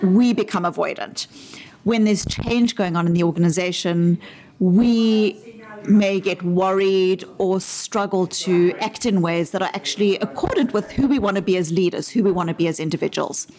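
This is a woman with a South African accent and a somewhat low voice. She answers an interviewer in a measured, articulate way. She grounds her points in everyday examples. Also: mellow. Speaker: interview guest explaining her framework.

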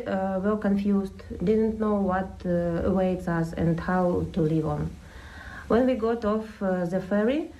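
A woman with a Ukrainian accent, speaking English carefully with pauses in a documentary interview. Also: medium pitch, warm tone, rough recording. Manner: careful, halting.

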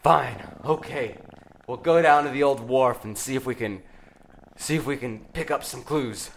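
A man playing a gruff cop near retirement who swears and gets exasperated. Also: mid-range voice, moderate pace, slight background noise, voice pushed down, lightly acted.

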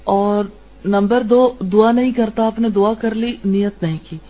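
Woman teacher, mellow warm voice, keeps quizzing her students in class. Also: mid-range voice, fairly even intonation. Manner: probing questions to students. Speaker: religious teacher. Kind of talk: religious class lesson.

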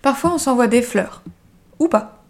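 A woman's voice-over comments, sped up into a chipmunk voice, dropped in as quick deadpan asides. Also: fairly high pitch.

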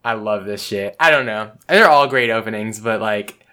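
Laid-back young man with a bright voice. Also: on the low side, normal speed. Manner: laid-back and hesitant, with slang. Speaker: podcast co-host. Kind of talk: casual chat about anime.

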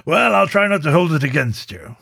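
Dude playing a gravelly husky viscount, bit hesitant, friendly, dry close mic. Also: male voice, a little high, very animated, brisk, pushed and bright, dry recording, full character voice. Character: British viscount, a player's character.

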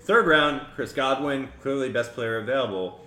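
A man's voice: medium pitch, normal speed, sharp tone. Guy rambling about football on a podcast, echoey room. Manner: rambling, chuckling, self-interrupting. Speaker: podcast host. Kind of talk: casual sports chat. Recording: echoey room with faint noise.

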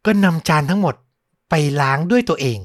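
A man telling a horror story on a podcast in a measured voice that sinks low and hushed at the tense parts. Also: expressive, no room sound, studio quality. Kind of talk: scripted horror narration.

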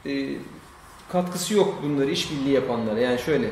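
A man co-hosting a casual tech news chat, quick and chatty with hesitant fillers. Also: mid-range voice, a little mellow, a little hiss or hum. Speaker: co-host. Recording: very echoey room, faint ambience.

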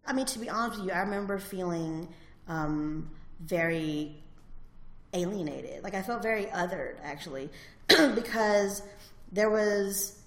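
A woman's voice: mid-range voice, reverberant. A woman in her forties from Alabama with a Southern accent, talking animatedly in a casual interview, often laughing and using fillers. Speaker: interviewee, alumna.

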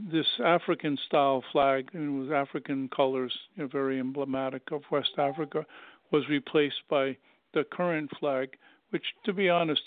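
Older male professor guest, fairly high voice, dry tinny call line, rambling with many fillers. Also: dry recording. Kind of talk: conversational interview. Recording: tinny phone-like call audio.

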